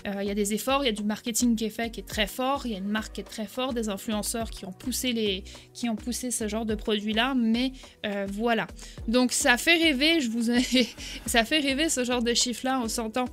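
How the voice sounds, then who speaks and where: A woman's voice: a little high, fairly even intonation, brisk, faint music behind. A woman, giving a chatty screen-share tutorial as an e-commerce coach, often checking in with "ok?". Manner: chatty, frequent "ok?" check-ins.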